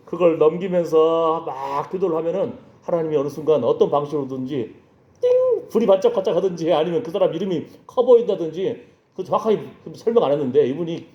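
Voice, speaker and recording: A man's voice: a little high, lively intonation, fast. A male pastor preaching a sermon, telling a story and acting out the voices of the people in it, often asking his congregation whether they follow. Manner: storytelling, acts out voices in dialogue, checks in with the congregation. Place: church sanctuary. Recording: echoey church hall, dull lo-fi sound.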